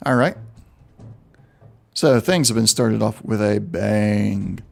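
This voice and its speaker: A man's voice: lowish voice, drawn-out words, creaky, soft background music. A man running a tabletop game as game master, thinking aloud with frequent ums while he checks the rules.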